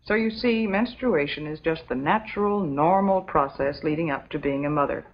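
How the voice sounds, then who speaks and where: In an old educational film, an actress with an American accent plays a calm, motherly substitute teacher, delivering a scripted classroom lecture in a measured, patient, prim, instructive way. Her pitch sits low, near an ordinary speaking voice, and her mood is patient. The soundtrack is dull and muffled.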